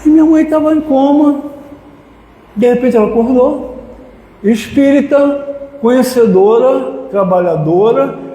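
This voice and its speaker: A man's voice: extremely high pitch, a little slow, pauses often, warm tone. A man giving an emotional personal testimony in a spiritist lecture, speaking straight to his listeners. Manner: emotional storytelling, addresses audience directly. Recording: echoey hall with long reverb.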